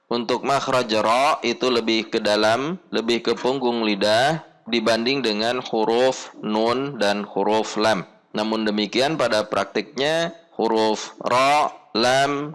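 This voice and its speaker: A male recitation teacher explains letter sounds in a measured, very unhurried way. He pauses often and repeats short practice syllables so a learner can copy them. His voice sits at an ordinary middle pitch. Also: a bit bright. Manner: slow, deliberate, repeats sample syllables. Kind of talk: instructional lesson on letter pronunciation.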